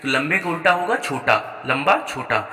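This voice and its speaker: A man's voice: on the high side, animated, moderate pace, bright, forceful tone. A man teaching a primary-school Hindi lesson, patiently spelling words out sound by sound. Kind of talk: explaining a school exercise. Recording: echoey room with long reverb.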